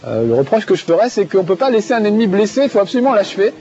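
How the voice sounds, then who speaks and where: High-voiced enthusiastic game show host. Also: male voice, very animated, very fast, mellow, a little hiss or hum. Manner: chatty, enthusiastic, laughs often, many fillers. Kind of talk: casual game presenting while playing. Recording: dull TV broadcast audio with faint music.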